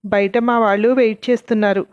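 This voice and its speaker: A woman's voice: a little high, fairly even intonation, a little fast, dull audio, close to an everyday voice. A woman voicing a reassuring, businesslike woman police officer who speaks in a matter-of-fact way.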